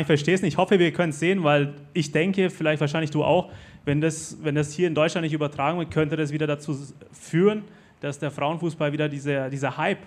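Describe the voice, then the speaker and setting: A man hosts a casual live talk. His voice is fairly high for a man, and he moves between questions to his guest and remarks to the audience. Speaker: host.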